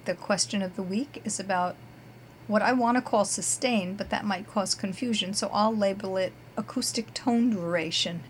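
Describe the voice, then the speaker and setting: Chatty woman guitar teacher doing her podcast, upbeat and emphatic, mid pitch, bit of faint hiss behind. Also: normal speed. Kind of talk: casual scripted podcast segments.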